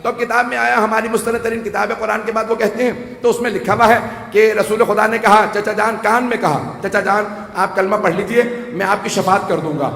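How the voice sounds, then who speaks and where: A man preaching a rhetorical sermon to a gathering, rising to shouts and making joking asides. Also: sits high, fairly even intonation, creaky, few pauses. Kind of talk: Urdu majlis sermon. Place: large hall with audience. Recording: echoey hall, faint ambience.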